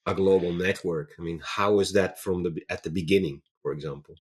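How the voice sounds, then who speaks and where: Deep-voiced man asking rambling questions. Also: steady tone, fairly quick, slightly rough. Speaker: interviewer, host. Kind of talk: conversational interview.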